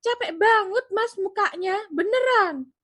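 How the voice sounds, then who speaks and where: A woman voicing a curious, soft-hearted housewife who presses her husband for gossip. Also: very high voice, unhurried. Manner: curious, pleading.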